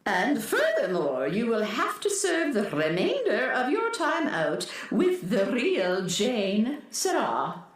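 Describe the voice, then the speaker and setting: A woman's voice: a little high, wildly swooping pitch, slow, exaggerated voice. A woman playing a stern, pompous alien governess in a children's radio comedy, imperious and haughty as an unbending jailer. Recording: heavily echoing voice.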